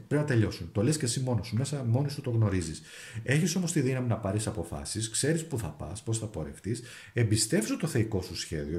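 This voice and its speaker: A man's voice: on the low side, warm tone, roomy sound. A man with a Greek accent giving a monthly tarot and zodiac forecast, thinking aloud as he draws and reads the cards. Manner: thinks aloud while drawing and reading cards, with restarts. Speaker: tarot reader.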